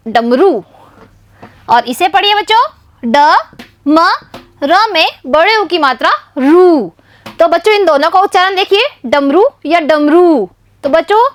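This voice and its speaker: A high-voiced woman with a Rajasthani Hindi accent teaches small children to spell, sounding out each letter at a slow, careful pace. Her voice is close and dry, with no room sound around it. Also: fairly bright tone, no room sound. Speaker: primary school teacher.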